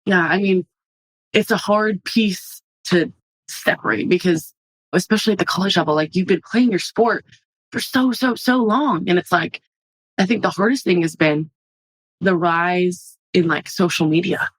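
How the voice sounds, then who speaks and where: A young adult woman, a softball player guest in a casual podcast interview, telling stories animatedly and acting out quotes. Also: lowish voice, normal speed, breathy edge, dry recording, poor audio.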